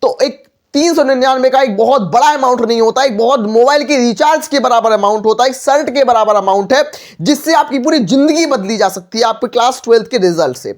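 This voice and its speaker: A man's voice: extremely high pitch, brisk. Man drilling chemistry reactions energetically. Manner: repetitive, rhetorical questions, filler phrase "mere paas". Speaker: chemistry teacher. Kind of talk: energetic exam-prep lecture. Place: online class video.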